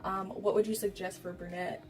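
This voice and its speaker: A woman's voice: mid-range voice, level tone, fairly quick, darkish tone. Young American woman chatting, off-mic over music. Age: young adult. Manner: candid, giggly, swearing freely, acts out quoted dialogue. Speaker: beauty vlogger. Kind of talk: casual chat with storytelling. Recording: distant mic with music behind.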